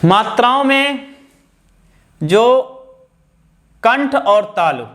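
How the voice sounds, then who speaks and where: A man's voice: extremely high pitch, expressive, fairly bright tone. A man teaching a grammar lesson, explaining step by step and repeating key terms. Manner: slow, explaining step by step with counted lists.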